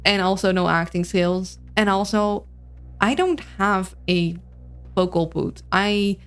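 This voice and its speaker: Medium in pitch with a clean tone, this Dutch-accented streamer talks at a slow pace, casually rambling and thinking aloud through her gameplay. She uses a streaming mic with voice filters, with game music in the background.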